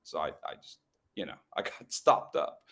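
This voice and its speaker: A middle-aged man giving a humorous talk on storytelling to a live group, teasing people in the room and slowing down with pauses for emphasis. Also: fairly bright tone. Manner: playful, teasing the audience, quick asides. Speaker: educational speaker at a club meeting.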